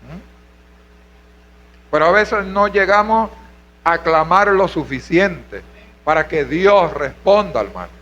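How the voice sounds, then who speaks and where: A man's voice: high-pitched, lively intonation, slow, pauses often, a bit bright, highs cut off. A man from Venezuela preaching a sermon as pastor, asking rhetorical questions and calling out to the congregation. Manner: preaching with rhetorical questions, calls of hermano and aleluya.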